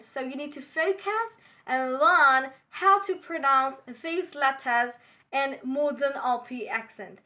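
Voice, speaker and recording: High, bright-voiced woman teaching pronunciation. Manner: repeats model words slowly for drilling; addresses viewers directly with instructions. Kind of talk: pronunciation lesson.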